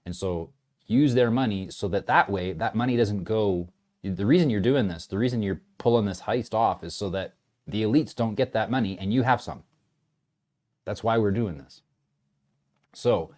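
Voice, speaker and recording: Lower-voiced man rambling about markets. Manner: rambling, animated, often restarts. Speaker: market commentator. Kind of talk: casual trading commentary.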